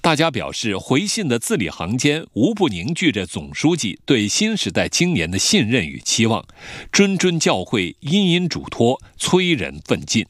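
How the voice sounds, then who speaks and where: A man with a standard mainland Mandarin accent narrating a scripted news report in a solemn, emphatic, measured way. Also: medium pitch, huge pitch swings, no room sound, clean studio sound. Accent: standard mainland Chinese Mandarin.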